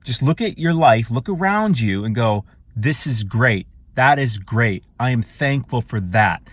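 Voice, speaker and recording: A man's voice: medium pitch, lively intonation, measured pace, husky, no echo. A man talking to camera in a casual, rambling monologue that grows emphatic and profane. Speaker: vlogger.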